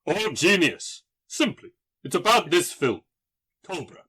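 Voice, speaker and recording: A man's voice: sits high, big pitch swings, a little slow, pushed and bright, breathy edge, pitched above the performer's own voice, full character voice. Man reading as an earnest film fan in broken English. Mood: earnest admiring. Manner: broken English with missing words and odd phrasing.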